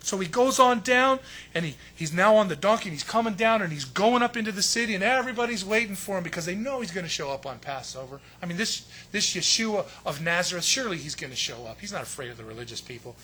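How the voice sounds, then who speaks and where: A man preaching a sermon with emphatic delivery, swinging between loud stressed phrases and hushed asides. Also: high-pitched, expressive, quick pace, husky. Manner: acts out quotes in a raised voice. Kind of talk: sermon teaching.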